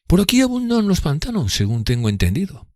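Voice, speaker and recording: A man voicing an arrogant young gentleman rival in an audiobook, with a mocking, drawling, disdainful manner. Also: a little high, huge pitch swings, a little fast, dry recording, clean studio sound, voice pushed up. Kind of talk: audiobook character voice.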